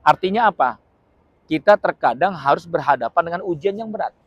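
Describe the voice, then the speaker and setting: A male Islamic preacher giving a lively, humorous religious lecture, often asking his listeners questions and acting out little scenes. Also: a little high, brisk, slightly rough, no room sound, highs cut off. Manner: acts out short dramatic quotes with shouts.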